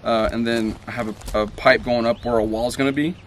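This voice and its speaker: A man in his thirties talks through his home-build plumbing outdoors at a country building site, explaining each part step by step in an easygoing way, with frequent ums and uhs. His voice sits at an ordinary middle pitch. Faint outdoor noise hums behind him. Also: fairly even intonation, a little fast. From Tennessee. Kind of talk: casual how-to walkthrough.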